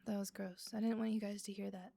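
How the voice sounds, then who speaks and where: A woman talks casually with her viewers from her apartment, answering their messages with easy, self-deprecating jokes. Her voice sits at an ordinary pitch with a mellow, warm tone. She speaks into a desk microphone. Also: little pitch movement, fast talker, gravelly, dry recording. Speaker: live streamer. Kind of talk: casual chat with viewers between songs. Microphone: desk microphone she can mute.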